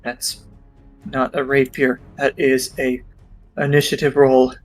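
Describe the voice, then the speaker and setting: Slow-talking tabletop game player. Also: mid-range voice, level tone, faint music behind. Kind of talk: casual game-table talk.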